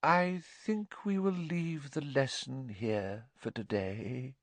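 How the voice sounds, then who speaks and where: A man voicing a misty, dramatic female divination professor who foretells doom in a faint, drawn-out, theatrical way. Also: medium pitch, no echo, pitched above the performer's own voice.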